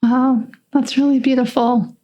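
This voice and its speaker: Woman, co-host, gentle prompting, higher pitch, even tone. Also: a little slow. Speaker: podcast co-host. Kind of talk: casual interview chat.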